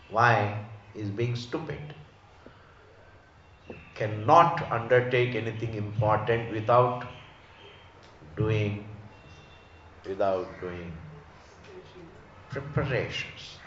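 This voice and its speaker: A man with an Indian accent delivers a religious discourse at a slow, deliberate pace. He teaches emphatically, restating phrases and putting rhetorical questions to listeners. The recording is echoey and a little dull, with a mid-pitched voice. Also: fairly bright tone, a little hiss or hum. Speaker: spiritual teacher giving scripture discourse. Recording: echoey room, slightly dull sound.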